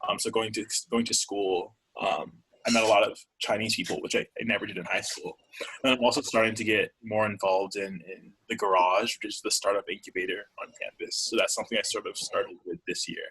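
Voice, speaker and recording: A young man with a low, slightly husky voice, talking haltingly as an interview guest. He leans on fillers and restarts as he answers. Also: level tone, fairly bright tone, rough recording. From Georgia, US. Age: young adult. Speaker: guest, college student. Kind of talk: casual interview chat.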